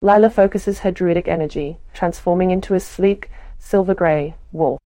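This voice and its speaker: Woman narrating a roleplay, low mellow voice, dry close sound. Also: normal speed, no echo. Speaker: player narrating her character. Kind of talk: reading a role-play story aloud.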